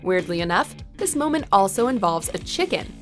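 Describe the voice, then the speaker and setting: A woman narrates a scripted countdown video. Her pitch moves in a lively way over a medium register, with faint music underneath. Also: moderate pace.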